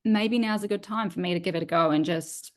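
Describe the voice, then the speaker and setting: A woman's voice: fairly low pitch, a little fast. A woman in her thirties with a New Zealand accent, an author talking casually on a video call, rambling and hesitant with many restarts. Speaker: author guest. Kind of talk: casual interview chat. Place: home.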